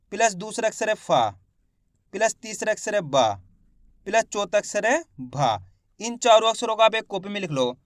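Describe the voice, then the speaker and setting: A man teaching a step-by-step reading lesson, sounding out syllables slowly and answering his own questions. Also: high voice, fairly bright tone, no echo, clean studio sound. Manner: addresses viewers as friends, plain conversational teaching.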